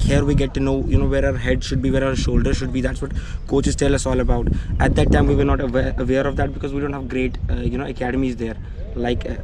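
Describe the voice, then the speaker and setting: A young man with a Kashmiri accent answers interview questions politely, often adding "you know". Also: mid-range voice. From Srinagar, Kashmir. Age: young adult. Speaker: junior cricketer being interviewed. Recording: clear background ambient noise.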